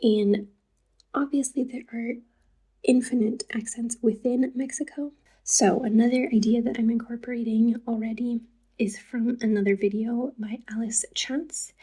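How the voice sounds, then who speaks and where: A woman talking casually to camera about her own language learning, soft-spoken and drifting into a breathy near-whisper, with chatty asides. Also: on the high side, steady tone, normal speed, low-quality recording.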